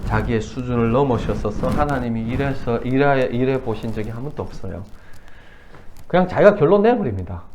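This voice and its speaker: A man preaching a sermon in a church, talking bluntly and colloquially, with sudden loud bursts, quiet mutters and frequent laughs. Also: mid-range voice, slight background noise, low-quality recording. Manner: laughs often mid-sermon. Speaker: pastor.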